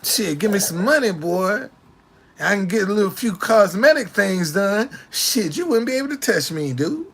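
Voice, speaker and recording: A man in his late sixties talking casually to the camera with slangy street swagger, repeating himself in animated, indignant retorts. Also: sits high, moderate pace, husky. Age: 60s.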